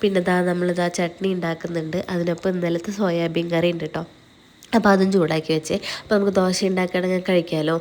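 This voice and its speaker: Fast-chatting mother, nasal voice-over. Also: on the low side, flat delivery, darkish tone. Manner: chatty, teasing, tags lines with "kētto". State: nasal from a night-time cold. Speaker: vlogger, mother. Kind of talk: casual voice-over narration. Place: home, recorded at night over the footage.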